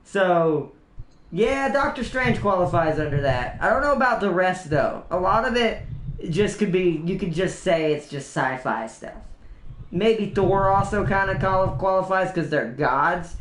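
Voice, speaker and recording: A man's voice: high-pitched, expressive, measured pace, a bit bright, a little hiss or hum. A young man hosting a casual livestream, rambling chattily about movies with restarts and laughs. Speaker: livestream host. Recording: roomy echo.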